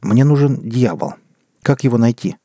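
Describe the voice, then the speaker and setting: A man's voice: medium pitch, animated, normal speed, warm tone, no echo, studio quality, voice pushed up, natural voice. A man voicing a bewildered but determined traveler, talking impatiently.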